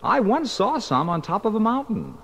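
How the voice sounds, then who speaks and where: Helpful little jungle bird for a children's record, voiced by a male narrator, high-pitched. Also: big pitch swings, normal speed, heavy background noise.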